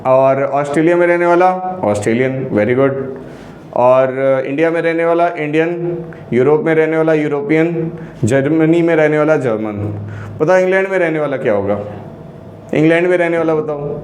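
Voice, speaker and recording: A man's voice: fairly high pitch, moderate pace, a little mellow. Man, grammar teacher, repeats questions, roomy echo, faint background hiss. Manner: coaxing, quizzing students with repeated questions. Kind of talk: online grammar lesson. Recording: echoey room with faint noise.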